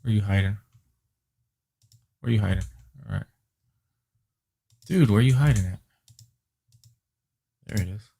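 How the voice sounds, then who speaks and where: Husky and dark-toned with vocal fry, this man's lowish voice keeps a measured pace broken by long pauses. He teaches an IT class on a livestream, grumbling and muttering at his computer while reading out network addresses he's typing.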